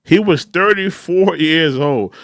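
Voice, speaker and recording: A commentary channel host in his thirties reacts with incredulity, repeating his points and addressing the person he criticizes directly. His fairly high voice is a bit bright and his pace slow. The recording is dry, with clean studio sound.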